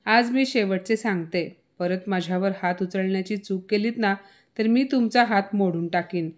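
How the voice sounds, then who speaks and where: A woman's voice: medium pitch, normal speed, natural voice. A woman voicing a young daughter-in-law who speaks firmly and with threat in a storybook tale. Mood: defiant.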